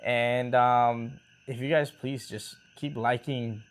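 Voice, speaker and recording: A man talks casually in a mid-range voice, co-hosting a relaxed show with his partner. He rambles a little, circles back on his thoughts, and drops easy slang as he goes. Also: medium pitch, slow pace. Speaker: co-host of a couple's talk show. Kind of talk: casual chat.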